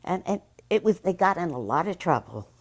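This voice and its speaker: A woman's voice: on the low side, sing-song, fairly quick. An older woman from Philadelphia, recalling childhood mischief in an interview with gleeful laughter. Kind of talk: reminiscing interview.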